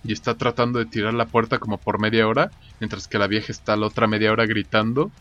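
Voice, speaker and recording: A man's voice: fairly low pitch, steady tone, fast talker, a bit bright, lo-fi sound, soft background music. A Mexican man retelling a film in casual chat, with crude, slangy storytelling.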